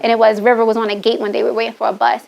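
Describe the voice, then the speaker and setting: A woman's voice: on the high side, level tone, very fast, vocal fry, lo-fi sound. A middle-aged woman talking candidly and animatedly in a casual podcast conversation, swearing freely and often laughing. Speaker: guest, wardrobe stylist and author.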